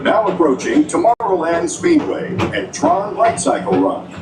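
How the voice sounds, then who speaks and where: A man announces stations in a formal voice over ride loudspeakers. His high, swooping voice sounds roomy and distant, with music behind. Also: huge pitch swings, a little slow. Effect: played over ride loudspeakers. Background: music playing.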